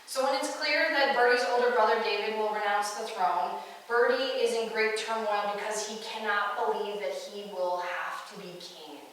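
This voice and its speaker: A woman's voice: medium pitch, normal speed, a bit bright. Woman preaching in an echoey church. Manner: earnest storytelling. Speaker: pastor. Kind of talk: sermon. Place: church sanctuary. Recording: echoey church hall, far-off mic.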